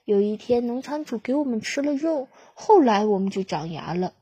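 A boastful little green alien chick, as a woman reading a storybook puts it on, explaining things cheerfully. The voice is high and breathy. It sounds dry and close. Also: lively intonation, moderate pace, mellow, no room sound. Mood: proud.

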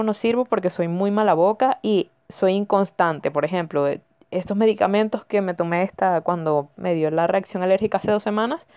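A woman's voice: mid-range voice, darkish tone, clean tone, no echo, clean studio sound. A young woman with a Venezuelan accent, hosting a podcast and telling stories in a chatty way, repeating words for emphasis. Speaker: podcast host. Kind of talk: casual storytelling monologue.

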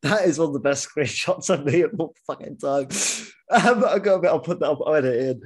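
A man hosting a casual podcast, his voice sitting a touch high for a man. He talks animatedly, stumbling into false starts and throwing in plenty of swearing. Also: fast, breathy edge. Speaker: podcast host.

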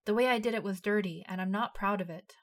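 A guilty young woman soldier, read by a woman narrator, speaks low and contrite. She is scheming by nature but sorry now, in a plain storybook voice. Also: fast talker, natural voice.

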